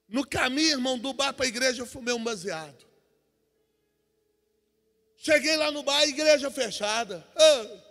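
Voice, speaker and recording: A man preaches a testimony sermon, his very high voice sharp and bright. He drops to a hushed telling, then climbs into shouted preaching. The sound carries a long reverb from the church hall. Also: lively intonation, moderate pace, pauses often.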